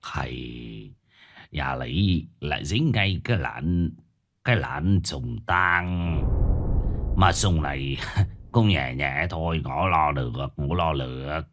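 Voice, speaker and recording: A man voicing an old male village sorcerer who speaks in a slow, low, stammering, half-whispered way. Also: a bit bright, exaggerated voice. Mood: grave.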